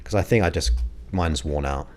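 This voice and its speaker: An extremely low, slightly mellow male voice comes at a moderate pace over faint background music. He's a man in his forties on a livestream, casually rambling and naming viewers as he thanks them.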